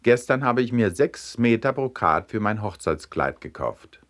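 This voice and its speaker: A man voicing a talkative, boastful young lady with bright, eager questions. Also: fairly low pitch, big pitch swings, measured pace.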